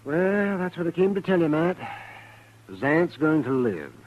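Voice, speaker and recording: An actor playing a brisk, fussy frontier town doctor in a 1950s-style radio western. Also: male voice, fairly high pitch, sing-song, muffled recording. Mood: brisk, weary. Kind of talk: 1950s radio drama acting. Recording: old radio drama recording.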